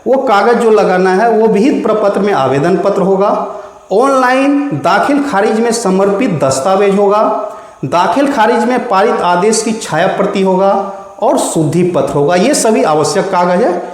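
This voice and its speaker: A man's voice: high-pitched, lively intonation, normal speed. A man explaining an online application process step by step, addressing viewers as friends. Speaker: explainer of online land-record services. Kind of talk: spoken tutorial. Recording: very echoey room with long reverb.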